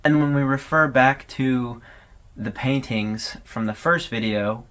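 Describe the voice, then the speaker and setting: A man hosts a horror series analysis video, offering casual, conversational commentary with hesitations and informal asides. His mid-range voice is a bit bright, and he takes it slowly.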